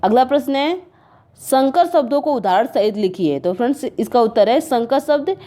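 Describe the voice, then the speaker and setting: Woman exam tutor, higher-pitched but mellow voice, steady explain-and-repeat delivery. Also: normal speed. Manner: addresses viewers as friends, repeats "okay" between points. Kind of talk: exam answer walkthrough.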